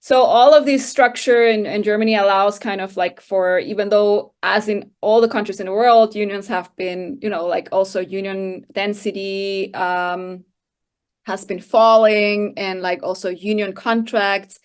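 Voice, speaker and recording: Costa rican woman in her 30s, guest on a podcast, explains stuff slowly w lots of pauses and "like"s. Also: medium pitch, steady tone, clear, resonant tone. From Costa Rica. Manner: thoughtful, explaining with frequent hesitations and "like". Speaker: guest researcher. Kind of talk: conversational interview answers.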